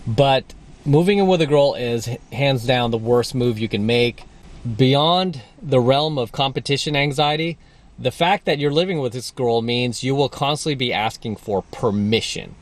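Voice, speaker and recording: Brief: male dating coach, mid pitch, blunt and emphatic, repeats himself for stress. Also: moderate pace. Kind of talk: monologue coaching video.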